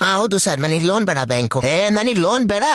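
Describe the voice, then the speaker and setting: A man performing a comic skit as a bank loan caller, using fast sing-song salesman patter. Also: high-pitched, sing-song, crowd noise. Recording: noisy background.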